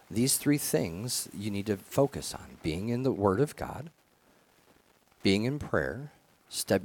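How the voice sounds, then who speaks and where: A man preaching a conversational sermon as pastor, earnest, often restarting phrases and adding fillers. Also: sits low.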